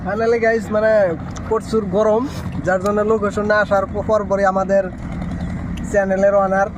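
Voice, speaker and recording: A man's voice: high-pitched, completely flat delivery, moderate pace. A young man co-hosting a vlog, talking to viewers in a friendly, earnest way. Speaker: vlog co-host. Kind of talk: casual vlog chat. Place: outdoors by a busy road. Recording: noisy outdoor street.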